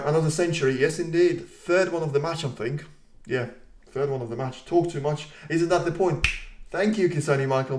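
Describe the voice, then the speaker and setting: A man hosting a live stream, giving casual commentary and reading viewer comments aloud, with rambling, self-deprecating asides. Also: on the high side. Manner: chatty, reads viewer comments aloud and answers them.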